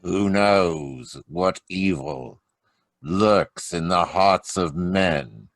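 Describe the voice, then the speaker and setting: A man voicing The Shadow, a sinister masked avenger, with a slow, ominous, booming delivery in 1940s radio style. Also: no echo, faint music behind. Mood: menacing. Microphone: home microphone on a video call.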